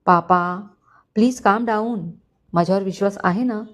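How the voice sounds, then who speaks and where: A woman voicing a calm, composed young man who reassures his father, in a storybook reading. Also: mid-range voice, normal speed, lightly acted. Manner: calm, steady.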